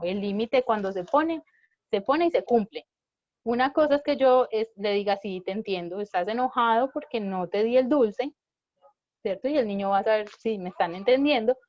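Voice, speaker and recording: A woman's voice: on the high side, a little mellow, no room sound, highs cut off. A woman giving a live parenting talk, explaining step by step and often checking in with her listeners. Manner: explanatory, checks in with frequent rhetorical "¿sí?". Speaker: parenting workshop speaker.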